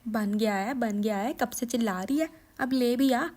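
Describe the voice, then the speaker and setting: A woman's voice: a little high, moderate pace, natural voice. A woman voicing a nagging, scolding older mother-in-law in a cartoon story. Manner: scolding, complaining loudly. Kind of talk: cartoon voice acting.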